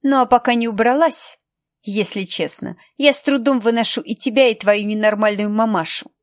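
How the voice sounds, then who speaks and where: A woman's voice: fairly high pitch, moderate pace, no room sound, studio quality, natural voice. A woman voicing a cold, sarcastic female assistant who speaks mockingly with steel in her tone.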